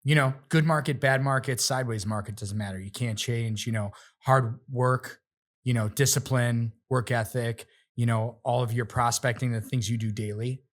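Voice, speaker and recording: A man who is a realtor and rapper, a guest on a podcast, telling animated stories and acting out quoted voices. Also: mid-range voice, moderate pace. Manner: animated storyteller, acts out quotes in other voices. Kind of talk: casual interview chat.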